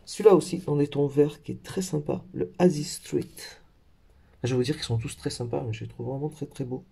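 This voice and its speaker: A man's voice: medium pitch, a little fast, vocal fry, mellow, slightly rough. A man in a casual craft haul video, talking in a hesitant way with lots of fillers and self-corrections. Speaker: craft vlogger.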